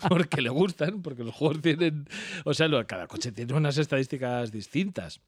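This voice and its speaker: A man with a Spain Spanish accent, a bit higher-pitched than most men, chatting casually and telling stories with lively energy and plenty of swearing. The sound is dry and close, with no room around it. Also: normal speed, dry recording. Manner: animated storyteller, swears freely, imitates others. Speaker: podcast co-host. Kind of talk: casual chat among friends.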